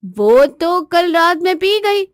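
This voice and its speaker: A woman voicing a bratty, defiant young newlywed wife in a bedtime storybook tale, cheeky and shrill. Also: expressive, fairly quick, no room sound, clean studio sound.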